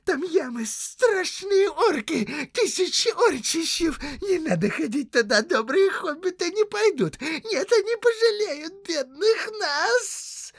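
A shrill, whimpering male creature, fawning and miserable, for an audiobook. The voice squeals very high and swings wildly, dragging words out slowly. The recording is close and dry. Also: very animated, creaky, dry recording, heavily acted. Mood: terrified pleading. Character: wretched whining male creature, split and pleading. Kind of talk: audiobook character voice.

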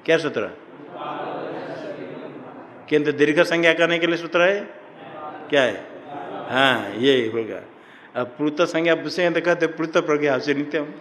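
A man teaching Sanskrit grammar to a class, slowly drawing out vowel sounds and quizzing his students. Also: a little high, fairly bright tone, a little hiss or hum. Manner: slow, drawn-out chanting of vowels and rules, quizzing students. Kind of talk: classroom lecture. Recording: faint room ambience, long hall reverb.

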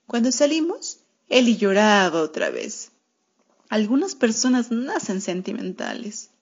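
A woman reading a children's story aloud for radio, narrating in a wry, sardonic first-person cat voice. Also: a little high. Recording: muffled lo-fi radio recording.

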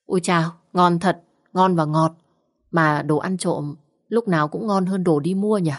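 A woman's voice: lowish voice, measured pace. A woman voicing a timid young man in his twenties who complains and exclaims a lot. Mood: whiny. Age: 20s. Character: timid young man, whiny and easily scared.

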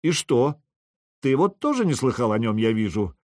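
A man's voice: mid-range voice, big pitch swings, dry recording, clean studio sound, lightly acted. A man playing a cold, commanding Viking king. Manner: cool, measured, commanding.

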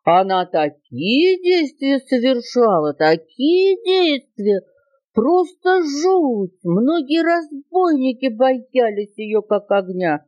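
A woman voicing a timid, gentle baby elephant in a storybook reading, speaking in a wondering, drawn-out way. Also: sits high, big pitch swings, dull audio, voice pushed up, full character voice.

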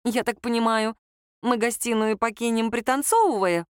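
A flustered young woman, quick to protest and exclaim, as a woman reader plays her. Her lines jump up with embarrassed indignation in a storybook reading, recorded dry and close. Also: a little high, smooth, dry recording, natural voice. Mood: indignant.

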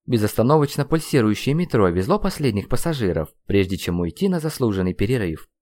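A man's voice: on the low side, sing-song, fairly quick, darkish tone. A man reading a fantasy audiobook as a first-person narrator, telling the story expressively. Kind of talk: scripted narration.

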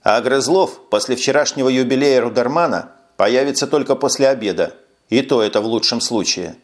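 A man's voice: medium pitch, brisk, natural voice. A man voicing a tired, sarcastic police lieutenant who speaks curtly in an audiobook. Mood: weary. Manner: sarcastic, curt. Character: weary sardonic male police lieutenant.

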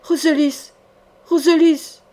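A woman reading the part of a frightened, wounded young mother in an audiobook, pleading and distraught, in a slightly high voice. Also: normal speed, a little mellow, natural voice. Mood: frantic.

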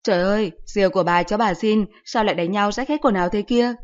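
Brief: woman doing a loud, fussing old grandma, muffled recording. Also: mid-range voice, fast talker, lightly acted. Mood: fretful scolding. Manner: loud, scolding, fretful.

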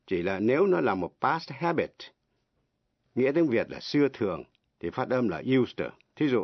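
A man teaching English on the radio, giving each word and example slowly, spelling words out letter by letter and translating them. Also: medium pitch, breathy edge, no echo. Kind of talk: slow, deliberate language lesson. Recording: dry, dull lo-fi radio broadcast.

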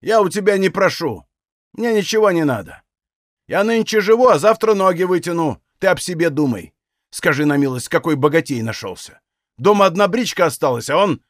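A man's voice: a little high, lively intonation, fairly quick, no echo, clean studio sound, close to an everyday voice. A man doing a grumbling old Cossack father. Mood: indignant. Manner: folksy dialect, indignant scolding.

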